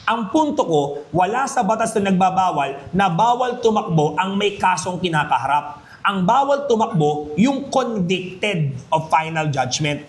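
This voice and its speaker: A man's voice: high voice, animated, a little slow. A man giving a criminology review lecture, emphatic and jokey, constantly checking that students follow. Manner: emphatic, jokey, keeps asking "Maliwanag?". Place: classroom. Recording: echoey room.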